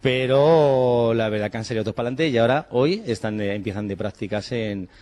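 A man's voice: mid-range voice, a little fast, a little mellow. A man in his forties from Spain, a chef and cooking teacher, talking casually and animatedly, acting out bits of dialogue and swearing in passing. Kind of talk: casual interview talk.

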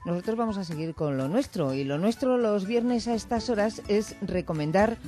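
A woman's voice: mid-range voice, expressive, normal speed, warm tone. A woman with a Spanish accent presents live radio from a studio. She is informal and chatty, steering the conversation with questions, and music sometimes plays faintly behind her. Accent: Spain. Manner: chatty, informal, frequent acknowledgements. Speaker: radio host. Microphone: studio microphone.

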